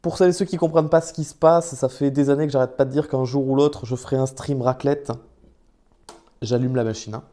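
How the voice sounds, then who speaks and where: A man's voice: mid-range voice, fairly even intonation, fairly quick, dark tone. A man casually chatting to his viewers during a live stream, talking into a phone. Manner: chatty and improvised, talks to his chat.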